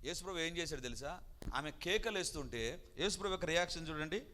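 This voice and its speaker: A man preaching a sermon with a high, bright voice that swings widely in pitch. He talks emphatically and acts out the people in the story. His voice rings with long reverb. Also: animated, quick pace. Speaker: pastor.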